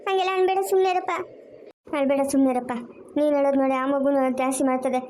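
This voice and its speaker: A woman's voice: high voice, fast talker, a little mellow, slight background noise, lightly acted. A woman voicing an older village woman in a family cartoon, coaxing and soothing others.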